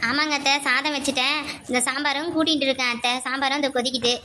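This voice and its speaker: A woman voicing a polite, eager-to-please young daughter-in-law in an animated family cartoon story. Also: sits high, quick pace, a little hiss or hum.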